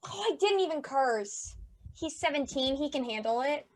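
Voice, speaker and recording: A woman's voice: sits high, expressive, normal speed, slight background noise. An actress playing Robin, a giddy, theatrical, somewhat anxious mother, in a play reading over a video call. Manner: bubbly, flustered, playful.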